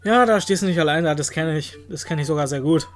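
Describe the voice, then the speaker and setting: A man with a fairly high voice comments on a life-simulation game in a playful, teasing way, chatting with the characters on screen. Now and then he breaks into exaggerated cries. Soft game music plays in the background. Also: fast talker. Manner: jokey, talks to the game characters, puts on silly exclamations. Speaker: let's-play host.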